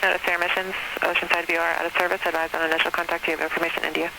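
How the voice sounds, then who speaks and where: A man reading a recorded airport weather broadcast in a steady, clipped readout of figures, heard over an aircraft radio. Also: a little high, rapid-fire, creaky. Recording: hissy aircraft radio reception.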